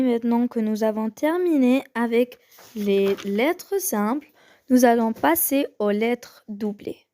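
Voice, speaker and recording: Slow-talking woman teaching the Korean alphabet. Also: fairly high pitch, warm tone. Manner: slow, hesitant, with many pauses and fillers; repeats each sound slowly for the learner. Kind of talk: casual lesson on the Korean alphabet.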